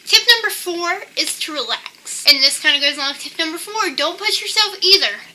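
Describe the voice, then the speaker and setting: A woman's voice: very high voice, expressive, a little fast, pushed and bright, slight background noise, low-quality recording. A young adult woman giving tips in a casual, chatty monologue, peppering her sentences with "like". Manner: chatty, with frequent "like". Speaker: vlogger sharing personal tips.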